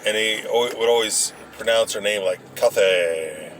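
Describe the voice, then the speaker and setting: A man casually rambling through old memories, halting and hesitant as he searches for details. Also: fairly low pitch, level tone, fairly bright tone. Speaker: vlogger recounting memories. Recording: noisy, with vehicle and ambient sound.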